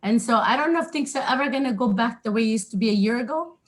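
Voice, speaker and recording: A woman from Ethiopia speaking as a webinar panelist, earnest and reflective, a little halting. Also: on the high side, expressive, poor audio. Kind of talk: spoken remarks on a webinar. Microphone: video call.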